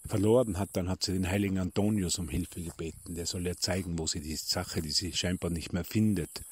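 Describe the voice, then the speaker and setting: A middle-aged man with a low, husky voice tells a spiritual story to his listeners in a soft, intimate way, now and then sinking to a near-whisper. The voice-message recording is dry and close, with no room sound. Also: no echo. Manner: warm storytelling, addressing listeners as dear ones. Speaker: spiritual teacher. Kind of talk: spoken devotional talk. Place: retreat in Tuscany. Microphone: phone voice message.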